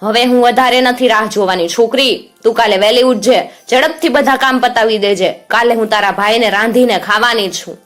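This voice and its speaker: A woman voicing a cruel, greedy, half-blind old witch woman who barks orders and scolds in a shrill voice. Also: lively intonation, normal speed, soft background music, close to an everyday voice. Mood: scolding.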